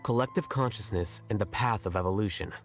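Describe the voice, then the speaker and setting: An actor playing a composed, blunt scholar in a video game, explaining in a measured, didactic manner. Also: male voice, fairly low pitch, soft background music, close to an everyday voice. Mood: explanatory. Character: cool, analytical male scholar, composed and blunt. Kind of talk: video game dialogue acting.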